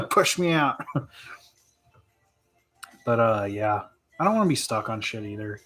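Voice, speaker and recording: A man's voice: mid-range voice, sing-song, takes it slowly, fairly bright tone, soft background music. Rambling, reflective man chatting live. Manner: rambling, reflective, with frequent laughs and fillers. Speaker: streamer answering viewer questions. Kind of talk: casual live chat. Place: home live stream.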